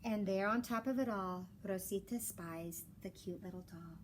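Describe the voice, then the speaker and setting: An elementary school teacher, a woman with a mid-range voice, reads a children's picture book aloud expressively in a measured storytelling style with a rhymed cadence. Background noise is clearly audible in the recording.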